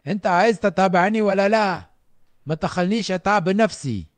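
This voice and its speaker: A man's voice: high-pitched, quick pace, no room sound, lightly acted. A man voicing a pushy, self-promoting young male streamer clone.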